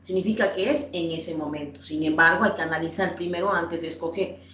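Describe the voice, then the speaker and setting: A woman's voice: on the low side, fairly quick, a bit bright, a little hiss or hum. A woman teaching an English class, patiently explaining grammar and calling on students by name. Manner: patient, repeats points and quizzes students by name. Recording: roomy, distant, dull lo-fi sound.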